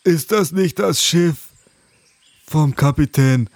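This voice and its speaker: A woman's voice: deep voice, slow, a little mellow, no echo, full character voice. A woman voicing a sleepy, easygoing male sloth in a children's story, drawling and stammering. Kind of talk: storybook voice acting.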